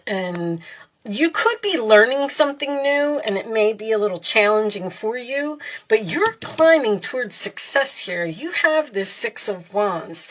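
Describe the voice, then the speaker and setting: Woman doing a tarot reading, talks right to you, kinda halting, reassuring and casual. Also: fairly high pitch, a bit bright, low-quality recording. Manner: reassuring, speaking directly to the listener. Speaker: tarot card reader.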